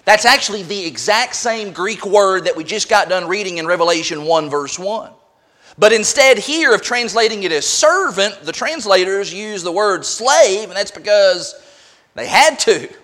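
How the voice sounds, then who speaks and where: A man's voice: sits high, lively intonation, normal speed, a bit bright. A man preaching a sermon in a church, explaining a word to the congregation and asking them questions. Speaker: pastor.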